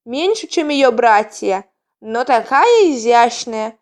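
A woman's voice: a little high, very animated, slow. Young male cat healer, storybook, caring and soothing, voiced by a woman. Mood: reassuring.

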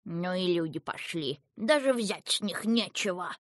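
A woman voicing a quick-tempered old male river king who grumbles and shouts, as an audiobook character. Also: on the low side, lively intonation, no echo, clean studio sound. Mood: grumbling. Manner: gruff, grumbling, shouting when angry.

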